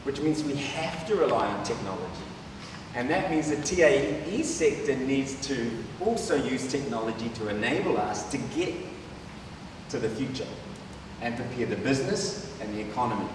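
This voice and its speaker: Speaking at normal speed with a medium-pitched voice and lively intonation, a man with a New Zealand accent gives a conversational conference presentation, punctuating his points with "right?". The recording is distant and echoey, taken in a hall with background noise.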